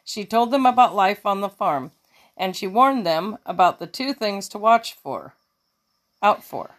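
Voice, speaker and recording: A woman reading a children's picture book aloud, slow and expressive, now and then fixing a slipped word. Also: medium pitch. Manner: slow, expressive storytelling with small self-corrections. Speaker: children's story reader.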